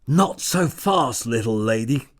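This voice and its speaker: A man's voice: medium pitch, lively intonation, takes it slowly, no echo, clean studio sound, pitched above the performer's own voice. A man voicing a rude, blunt middle-aged laborer in an audiobook. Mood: leering. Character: gruff, rude middle-aged male plantation worker.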